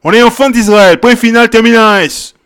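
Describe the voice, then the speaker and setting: A man with a high voice preaches a Bible teaching sermon emphatically, at a fairly quick, smooth pace. He repeats phrases and checks in with "ok?" and "hein?", moving from quiet verse reading to loud exhortation.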